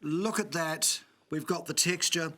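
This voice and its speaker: A man's voice: on the high side, measured pace, pushed and bright, slight background noise. A man with a New Zealand accent demonstrating a recipe on a cooking show, chatty and instructive with joking asides.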